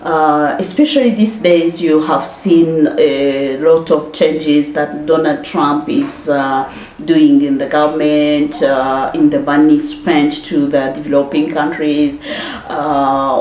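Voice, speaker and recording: Woman from rwanda talking slow to the camera, lots of uhs, roomy echo. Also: deep voice, fairly even intonation, a little mellow, slight background noise. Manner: halting, many filler pauses. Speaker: commentator addressing viewers. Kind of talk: direct-to-camera personal address.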